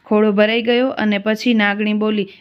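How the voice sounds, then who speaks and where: A woman storyteller narrates a devotional fasting tale in a steady, plain manner. Her voice sits at a middle pitch. The recording has a slightly dull, lo-fi quality. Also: clean tone.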